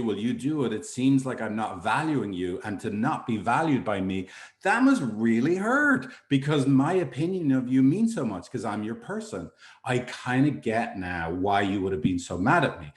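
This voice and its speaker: Male presenter, mid-pitch, animated storyteller, reverberant room. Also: normal speed. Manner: animated, acts out both sides of arguments. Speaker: relationship speaker.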